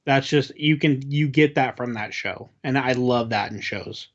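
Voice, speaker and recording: A man's voice: mid-range voice, unhurried. A man co-hosting a podcast, chatting casually and reacting with enthusiasm. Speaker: podcast co-host. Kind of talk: casual chat. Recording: slightly dull lo-fi sound.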